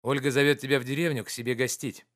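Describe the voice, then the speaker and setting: A man doing a calm, steady male friend. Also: medium pitch, quick pace, close to an everyday voice. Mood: reassuring.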